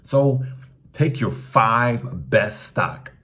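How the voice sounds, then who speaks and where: A man hosting a casual stock market update for his viewers, talking in a relaxed, conversational way with frequent ums and uhs, his voice still rough from the morning. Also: mid-range voice, extremely slow. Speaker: stock market channel host.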